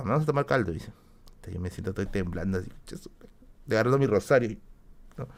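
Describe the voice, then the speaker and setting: A man casually telling a childhood story to a live chat, using crude slang and acting out the quotes. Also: lowish voice. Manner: animated, crude slang, acts out quotes, frequent tag questions.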